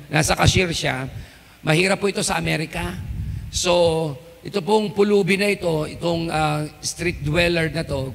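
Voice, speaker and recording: A man with a Filipino accent preaching a sermon as a pastor, telling a story and building to loud, emphatic exhortation. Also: a little high, gravelly, big-room sound.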